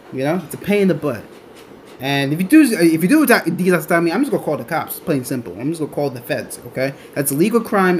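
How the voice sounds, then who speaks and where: A man's voice: high-pitched, slight background noise. A young man hosting a rambling solo podcast, talking in loose, restarting sentences. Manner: rambling, many restarts and fillers. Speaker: podcast host. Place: on his way to a train station.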